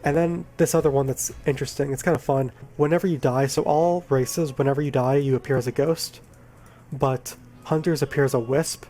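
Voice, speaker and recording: A man talks with a groggy voice because he is sick. He explains a game in a laid-back, rambling way and often corrects himself mid-sentence. His pitch is middling, neither high nor low. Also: fairly even intonation, moderate pace, dark tone. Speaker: gaming video creator. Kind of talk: casual game guide talk.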